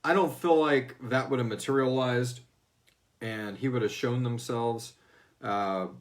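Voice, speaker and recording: In a mid-range voice with fairly steady intonation and a measured pace, a man who hosts and created the series runs a casual Q&A. He's loose and informal, throws in some swearing and acts out quotes.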